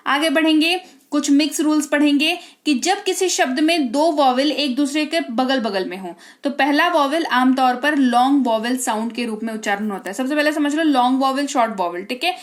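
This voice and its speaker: A woman's voice: high voice, moderate pace. A woman, an English teacher explaining pronunciation rules step by step and often checking that her students follow.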